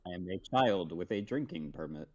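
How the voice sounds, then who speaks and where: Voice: sits low, expressive, highs cut off. A young adult from the United States joining a group reading, joking in casual chat. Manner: slow-spoken, joking. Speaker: reading participant.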